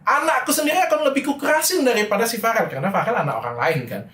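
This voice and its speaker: A middle-aged man telling his side of a story in a casual monologue, animated and frustrated. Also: rapid-fire, roomy sound. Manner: animated, frustrated, shifts pitch when quoting people.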